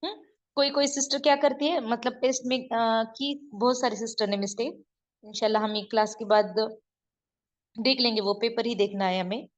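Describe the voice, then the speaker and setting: A woman's voice: on the high side, fairly even intonation, normal speed. A woman teaching letter writing online, explaining patiently as she draws and often checking that her students follow. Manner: patient, repeats and checks understanding. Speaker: online Urdu script teacher. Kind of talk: explaining while drawing letters on a board. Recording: dull lo-fi sound.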